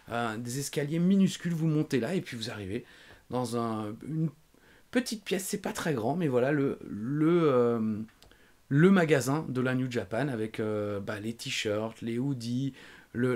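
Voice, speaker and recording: A man's voice: mid-range voice, a little mellow. A man hosting a podcast, chatting casually and telling rambling, self-mocking travel anecdotes. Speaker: podcast host.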